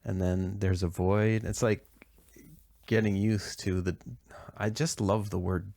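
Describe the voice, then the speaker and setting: Man, body-worker co-host, gravelly, thinks aloud with restarts. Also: low voice, level tone, measured pace, a little mellow, no room sound. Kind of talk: reflective podcast conversation.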